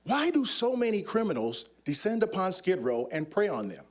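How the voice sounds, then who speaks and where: A man's voice: sits high, big pitch swings, normal speed. A middle-aged man, a former undercover officer, telling stories on stage in a demonstrative, act-it-out way. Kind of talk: animated storytelling talk on stage. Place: stage before an audience.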